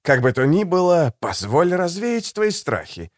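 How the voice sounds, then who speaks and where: A man reading an audiobook, voicing a suave, condescending male assassin in a soft, low, silky voice. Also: big pitch swings, measured pace, no room sound, studio quality. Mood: silky, ironic. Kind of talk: audiobook character voice.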